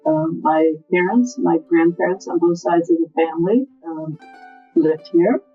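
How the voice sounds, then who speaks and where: A woman from northern New York, a historic site manager, answering interview questions in a steady, informative way. Her audio is fuzzy and distorted. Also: fairly low pitch, unhurried. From northern New York State, USA. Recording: distorted, dull lo-fi interview audio with faint music behind.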